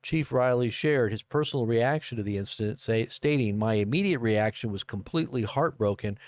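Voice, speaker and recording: A man in his fifties giving casual live commentary and reading news reports aloud, halting and rambling as he goes. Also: mid-range voice, darkish tone, dry recording, clean studio sound. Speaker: livestream commentator. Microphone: close desk microphone.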